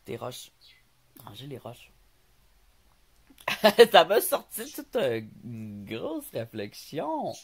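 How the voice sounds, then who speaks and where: A man's voice: mid-range voice, huge pitch swings, very slow, gravelly, pauses often, slightly rough. A man with a Québécois French accent, telling rambling stories in a casual vlog, laughing often and stumbling on some words. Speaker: vlogger.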